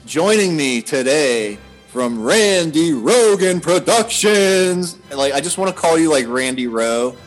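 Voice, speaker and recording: A man hosting a relaxed interview over a video call, cracking jokes and laughing easily. He talks in a casual, loose way, and faint music plays behind him. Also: a little high, unhurried, hardly any pauses. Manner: joking, laughs often. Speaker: podcast host.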